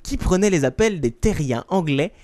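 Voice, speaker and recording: A man's voice: a little high, lively intonation, normal speed, a little mellow, dry recording. A man hosting a casual podcast, reading odd news items with frequent laughs. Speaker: podcast host.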